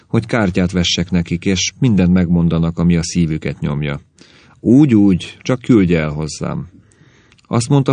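A sly old fortune-teller woman who speaks with slow solemn dignity, as a man voices her in a storybook reading. The voice stays deep and gravelly. It sounds close and dry. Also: a little mellow, no echo.

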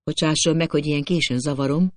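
A man reading an audiobook, voicing a calm, sorrowful young gentleman who speaks in a quiet, measured and solemn way. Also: fairly high pitch, dry recording, close to an everyday voice. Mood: apologetic. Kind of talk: audiobook character voice.

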